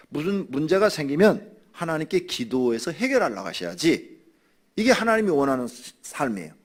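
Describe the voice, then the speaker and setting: A man teaches scripture to his congregation in a relaxed, conversational sermon. His pitch moves around a great deal as he explains. He stops now and then to act out grumbling people. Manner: drinks water while speaking. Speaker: pastor. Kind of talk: Bible study sermon.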